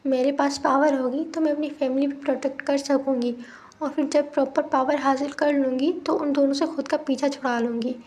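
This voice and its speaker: A young adult daughter begging her father for forgiveness, voiced by a woman reading aloud. The voice is high and soft, with a flat, even delivery. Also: a little fast, lightly acted. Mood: pleading. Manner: pleading.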